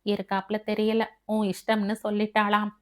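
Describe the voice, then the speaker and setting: A woman's voice: medium pitch, completely flat delivery, moderate pace, close to an everyday voice. A woman voicing a frank, hurt young woman, an elder sister, who speaks bluntly and defiantly in an audiobook. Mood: teasing. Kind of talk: audiobook character reading.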